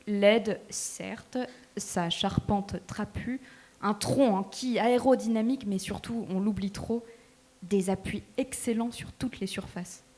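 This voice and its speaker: A woman narrating a novel in a live stage reading, measured and expressive. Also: medium pitch. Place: small theatre stage.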